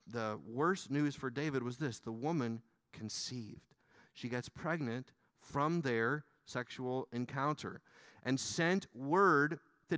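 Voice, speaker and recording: A man preaching a sermon in church, animated and talking directly to the congregation. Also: medium pitch, dry recording. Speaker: pastor.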